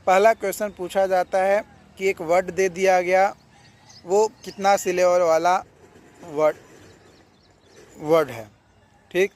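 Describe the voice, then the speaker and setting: A male coaching teacher speaks in a fairly high voice, talking students through exam preparation. He is casual and encouraging and keeps repeating each point. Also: fairly even intonation, slow pace, pauses often, a little mellow. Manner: repeats key points, coaxing "yaar" and "theek hai". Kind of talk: casual exam advice lesson.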